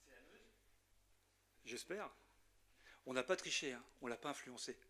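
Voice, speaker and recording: A man's voice: medium pitch, normal speed, bright, forceful tone, slightly rough. A man with a Lorraine French accent, president of a chamber of commerce, giving an informal welcome speech at a general assembly with many hesitations.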